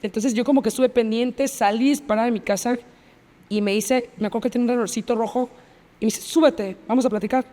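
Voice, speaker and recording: A woman's voice: fairly high pitch, steady tone, fast talker, mellow, big-room sound. A woman with a Mexican accent, a podcast interview guest telling a personal story in vivid detail and repeating phrases as she relives the scene. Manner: vivid retelling, reenacts past dialogue, repeats phrases.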